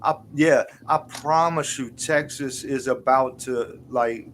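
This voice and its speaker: A man's voice: mid-range voice, slow pace, a bit bright. An emphatic man chatting on a stream, repeating his points with conviction. A faint hum of background noise sits under his voice. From Louisiana. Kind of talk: casual chat.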